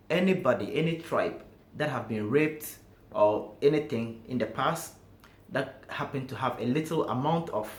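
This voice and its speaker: A man from Ghana with a Ghanaian accent, speaking emphatically and directly to viewers in a talking-to-camera vlog. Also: mid-range voice. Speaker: vlogger. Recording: echoey room with faint background noise.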